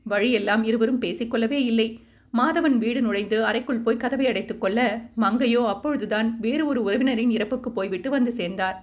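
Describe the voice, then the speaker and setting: A woman narrating a family drama novel as a steady storyteller. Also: on the high side, brisk. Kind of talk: scripted narration.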